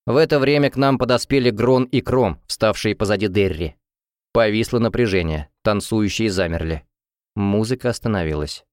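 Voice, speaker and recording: A man reading a fantasy audiobook aloud in first person with an expressive storytelling delivery. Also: lowish voice, moderate pace, no echo, clean studio sound. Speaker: audiobook narrator. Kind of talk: scripted first-person narration.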